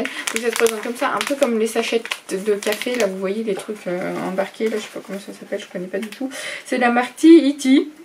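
A woman's voice: fairly high pitch, far from the mic. Young woman, casual unboxing vlog, enthusiastic, faint background hiss. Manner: chatty and enthusiastic, with frequent fillers and asides. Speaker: unboxing vlogger. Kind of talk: casual unboxing chat mixed with reading product text aloud.

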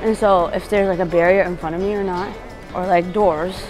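A woman's voice: lowish voice, steady tone, fairly quick, over music. A woman traveling on location outdoors among sand dunes, chatting and thinking aloud into a clip-on mic. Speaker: host, blind traveler. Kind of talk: on-location casual chat.

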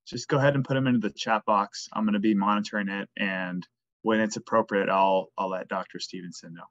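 Low-voiced man moderating a webinar. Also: fairly even intonation, a little fast, fairly bright tone, muffled recording. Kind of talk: casual announcement.

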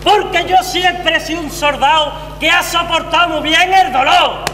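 An actor playing a pompous patriotic army captain, declaiming in a comic stage sketch. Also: male voice, extremely high pitch, normal speed, pushed and bright. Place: theatre stage, far camera. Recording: echoey theatre hall, faint hum.

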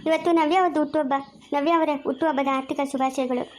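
A woman's voice: sits high, fairly even intonation, quick pace, slight background noise. A woman greeting viewers, then acting several roles in an amateur family drama.

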